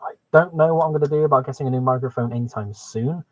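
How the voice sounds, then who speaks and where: A man hosts a casual live stream about his hobby. He talks in an enthusiastic, chatty way at a middling pitch. The microphone sounds muffled, with very little room echo. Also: fast. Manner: enthusiastic, exclaiming.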